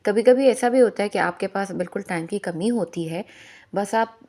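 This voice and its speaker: A woman's voice: mid-range voice, moderate pace, warm tone. A woman, chatting in a voice-over about her home chores and giving friendly advice, with English phrases mixed in. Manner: chatty, advising, mixes English phrases into Hindi. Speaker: homemaker vlogger.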